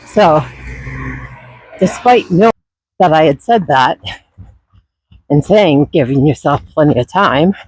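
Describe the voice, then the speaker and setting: A man talking casually and reflectively while out running, his voice breathy and still husky from a recent illness, with sighs and pauses. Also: fairly high pitch, lively intonation, darkish tone, no echo, low-quality recording. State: voice not fully recovered from illness, husky. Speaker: running vlogger. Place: outdoors on a trail.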